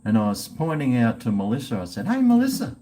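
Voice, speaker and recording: A man's voice: on the low side, fast, dark tone, slight background noise. A man with an Australian accent chatting casually on a livestream, rambling and swearing in a blokey way. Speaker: live streamer chatting with viewers.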